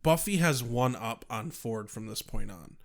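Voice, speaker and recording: A man's voice: medium pitch, lively intonation, unhurried. A man co-hosting a podcast, talking bluntly and swearing often in casual chat. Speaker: podcast co-host.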